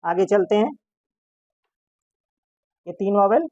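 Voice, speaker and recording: A woman teaches a classroom-style lesson at a middle pitch. She keeps asking her class questions and answering them herself. The recording is dry and close, with a dull, lo-fi tone. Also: animated, slow pace, warm tone, no echo. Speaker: shorthand teacher.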